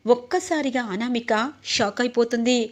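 A woman retelling a TV serial episode scene by scene, in a steady storytelling manner. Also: on the high side, moderate pace. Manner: steady storytelling, reads every character's lines in her own voice.

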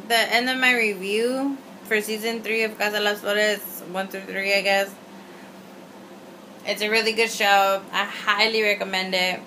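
A woman's voice: mid-range voice, sharp tone, rough recording. A young adult woman giving a casual, opinionated video review, rambling tipsily with emphatic swearing and slang and slipping some Spanish in. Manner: tipsy, rambling drunk talk; mixes Spanish into English. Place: small indoor room at home. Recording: faint room noise.

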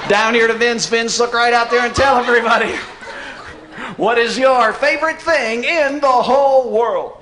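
A man's voice: very high-pitched, fairly even intonation, normal speed, bright, forceful tone. A middle-aged man doing live comedy banter with volunteers on stage as a ventriloquist. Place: comedy club stage before an audience. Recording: noisy live club recording.

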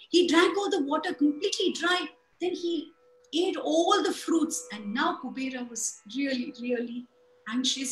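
A woman storyteller telling a folktale in an animated way, chanting sound effects along the way. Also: sits high, roomy sound, rough recording.

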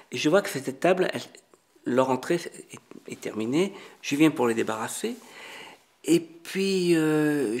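A middle-aged man, a chef, telling an anecdote in an interview with lively acted-out dialogue and many restarts. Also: fairly high pitch, gravelly. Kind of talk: storytelling in an interview.

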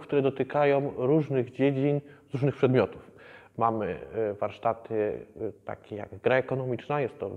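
A man in his thirties, a museum educator, explaining the exhibition in a measured way with many hesitations. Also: mid-range voice, big-room sound, narrow, tinny audio. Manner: measured, with frequent hesitation fillers. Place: museum exhibition hall, indoors.

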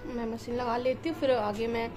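A young vlogger with a Rajasthani Hindi accent does chores in an outdoor village courtyard while chatting directly to her viewers, recorded on a phone. Her slightly high voice is steady and a little fast, and background music plays clearly underneath this casual narration.

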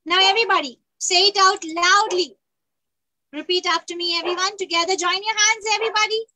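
A woman's voice: very high-pitched, steady tone, extremely slow, sharp tone, rough recording. A woman teaching children over a video call, chanting verses line by line in a half-sung call and repeat.

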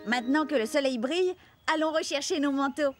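A woman voicing a kind, helpful young girl friend in a storybook cartoon, with a gentle friendly lilt. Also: high-pitched, a little fast, faint music behind, voice pushed up, natural voice.

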